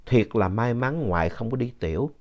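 A man narrating a ghost story in a conversational, lively way with asides to the listener. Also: medium pitch, moderate pace. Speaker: story reader. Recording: dull lo-fi sound.

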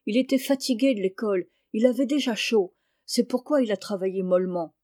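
Cheerful farm lad, teasing but kind, read by a woman, mid pitch. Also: brisk, mellow, dry recording, clean studio sound, lightly acted. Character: cheerful sturdy farm boy, kind brother.

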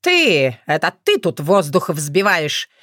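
A blustering crow father, as a woman reader puts him on, barking orders in a voice close to her own narration. His pitch moves a lot, and the sound is dry and close. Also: very animated, takes it slowly, fairly bright tone, no echo, full character voice. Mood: angry.

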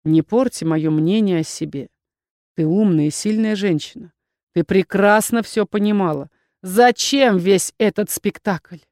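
A woman voicing a weary aristocratic man, a duke, who speaks slowly and coldly. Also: mid-range voice, dry recording, studio quality, close to an everyday voice. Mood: stern. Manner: slow, flat and detached.

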